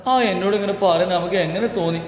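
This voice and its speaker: A man's voice: high-pitched, little pitch movement, fast, lightly acted. A man doing a cheeky spoiled young daughter. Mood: whiny teasing. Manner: teasing, whiny and dramatic. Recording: echoey reverberant room with music.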